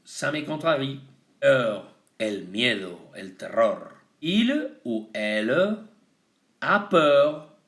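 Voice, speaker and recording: Slow, lively-voiced man teaching vocabulary. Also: medium pitch. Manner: slow, deliberate, switching between French and Spanish. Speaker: French teacher. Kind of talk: bilingual vocabulary lesson.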